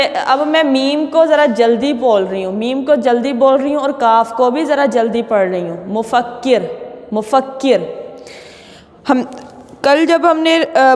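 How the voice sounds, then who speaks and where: A woman's voice: high-pitched, darkish tone. A woman teacher with a Pakistani Urdu accent gives a spelling lesson to young pupils, stating each word carefully and saying it again and again. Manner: deliberate, repeats and stretches each word for pupils. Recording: echoey room reverb.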